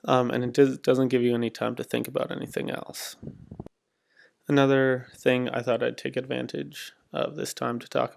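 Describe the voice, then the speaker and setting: A young man in his twenties narrates his fitness vlog in a casual, meandering way. His voice sits at an ordinary pitch but carries a heavy gravelly fry, and he fills his sentences with ums and likes. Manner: laid-back, rambling, lots of ums and likes. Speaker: fitness vlogger. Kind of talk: casual voice-over commentary.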